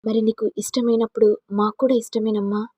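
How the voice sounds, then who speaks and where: Woman reading a gentle caring father, kindly, dry close sound. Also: a little high, little pitch movement, brisk, slightly rough, no echo.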